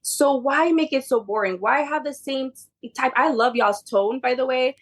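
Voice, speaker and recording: A woman whose first language is Spanish chats informally as a podcast guest about her work as a behavior therapy tutor, in a casual conversational interview. Her voice is high with a breathy edge, at a moderate pace.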